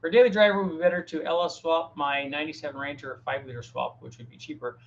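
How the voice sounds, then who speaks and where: A man's voice: on the high side, steady tone, very fast, creaky, highs cut off. A middle-aged man hosting a casual live Q&A, answering viewers' technical questions in a plain-spoken way, often restarting his sentences. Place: home workshop with a fan running.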